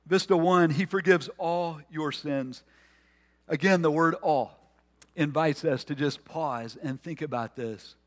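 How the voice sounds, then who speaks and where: A man preaching a sermon as a pastor, earnest, restarting phrases and slowing into dramatic pauses on key words. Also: a little high.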